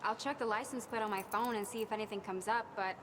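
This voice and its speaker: A woman's voice: mid-range voice, fast talker, background noise, close to an everyday voice. A woman playing a skeptical, troubled female civilian ally in a video game, wary and conversational. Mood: doubtful.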